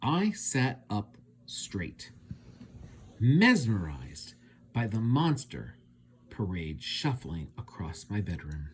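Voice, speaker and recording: A man reading a children's storybook aloud as a teacher, with dramatic and deliberate phrasing. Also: lowish voice, sing-song, slight background noise. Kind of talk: expressive children's storybook narration.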